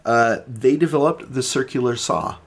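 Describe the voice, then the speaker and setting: A man's voice: medium pitch, normal speed, a little hiss or hum. A man hosting a casual podcast chat, explaining at length with many restarts and fillers. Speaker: podcast host presenting the topic.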